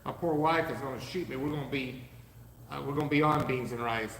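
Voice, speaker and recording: A man co-hosting a live podcast from a warehouse, pitching his gear with eager, salesman-like energy, his voice going hoarse. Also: a little fast, fairly bright tone, echoey room, in a large hall, slight background noise, poor audio. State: losing his voice. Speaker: podcast co-host, business owner. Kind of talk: casual live podcast chat.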